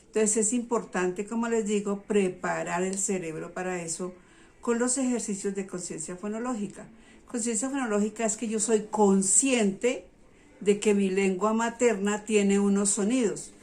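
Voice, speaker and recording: A woman teacher, middle-aged, speaks at an ordinary middle pitch. She explains a children's reading program to parents step by step, in a patient and unhurried way. She often stops to make sure her listeners are following. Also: darkish tone.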